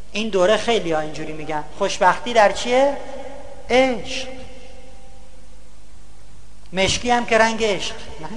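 A man's voice: high voice, fairly bright tone. A man giving a humorous lecture on values, telling stories and mimicking other people for laughs. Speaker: public speaker.

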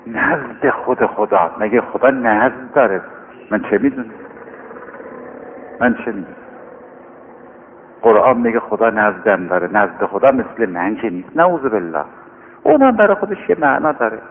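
A man's voice: fairly low pitch, animated. Earnest preaching man, tinny hall recording. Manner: earnest, pleading and conversational, slowing to recite scripture. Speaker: cleric preaching to young seminary students. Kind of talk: informal sermon. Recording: tinny lo-fi recording with long hall reverb and faint hum.

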